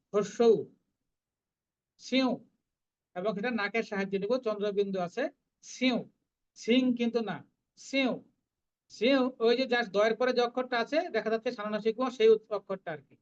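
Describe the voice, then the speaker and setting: A recitation teacher, explaining pronunciation syllable by syllable and chanting the verses in slow, drawn-out tones. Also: mid-range voice, dull audio. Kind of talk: online class teaching Sanskrit verse pronunciation.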